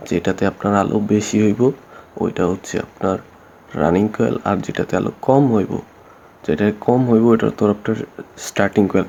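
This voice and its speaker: A man's voice: on the low side, vocal fry, darkish tone. A man, explaining electrical work in a plain, repetitive way with many fillers. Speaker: electrician instructor. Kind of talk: casual spoken tutorial. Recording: dull lo-fi audio with faint noise.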